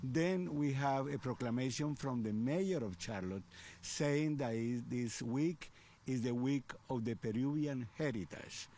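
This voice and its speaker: A man who organizes community events, answering interview questions in a hesitant, halting way with many fillers. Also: mid-range voice, a little mellow.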